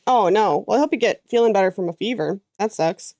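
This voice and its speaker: In a dry, lo-fi recording, a Canadian VTuber artist with a medium-pitched, dark voice speaks fairly quickly. She chats casually while drawing on a livestream, musing aloud and leaving sentences hanging.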